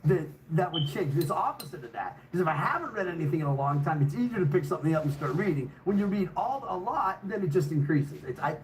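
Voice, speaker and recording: A man's voice: a little high, sing-song, quick pace, few pauses, slight background noise, poor audio. An older man telling a personal story in a casual, rambling way, swearing heavily and restarting sentences.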